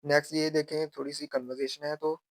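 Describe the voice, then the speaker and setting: A man with a slightly high voice gives a patient grammar lesson. He talks slowly through each example and repeats key phrases, recorded close and dry with no room sound. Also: little pitch movement, dry recording. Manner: slow, repetitive teaching, drawing out example phrases. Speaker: language teacher. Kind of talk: explaining grammar step by step.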